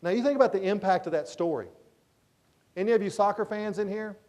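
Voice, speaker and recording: A man speaks from a conference stage through a microphone, giving a motivational keynote. He tells stories in an animated way, acts out the dialogue and repeats his key points. His voice sits high for a man. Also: fast.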